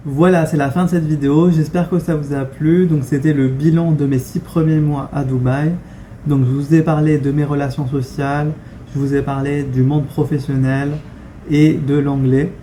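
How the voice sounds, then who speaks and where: Talking straight into the camera for a casual vlog, a young French man is relaxed and blunt, pausing on fillers and often restarting. His voice is fairly high in pitch yet very dark and mellow, with a fairly flat melody and faint ambient hum behind it.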